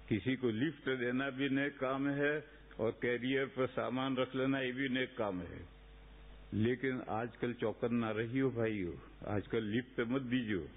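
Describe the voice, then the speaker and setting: Male preacher, casual sermon, quotes Arabic, phone-thin lo-fi sound, mid-pitched. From India. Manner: conversational, rhetorical questions, recites Arabic hadith. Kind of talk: sermon in a mosque. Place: mosque. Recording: tinny phone-like lo-fi recording.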